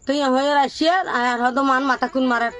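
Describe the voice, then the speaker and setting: A high-voiced woman with a Chittagong accent tells her story as a bereaved mother. She is plaintive and repeats herself, and faint music plays behind. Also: fast, a bit bright. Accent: Chittagong, Bangladesh. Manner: repetitive, plaintive. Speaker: bereaved mother being interviewed. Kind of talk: unscripted personal testimony.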